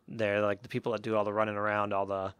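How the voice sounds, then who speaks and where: A man's voice: on the low side, monotone, fast talker, a bit bright, clean tone, no echo. A young man from Western Massachusetts co-hosting a podcast, telling a story in a casual chatty way full of "like" and "um". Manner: rambling, many fillers like "like" and "um". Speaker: podcast co-host.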